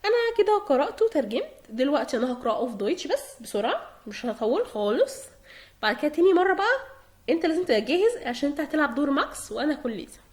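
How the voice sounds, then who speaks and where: A woman's voice: high voice, sing-song, very fast, a little mellow. A woman with an Egyptian Arabic accent teaching German online, explaining word by word, translating and repeating. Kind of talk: online language lesson.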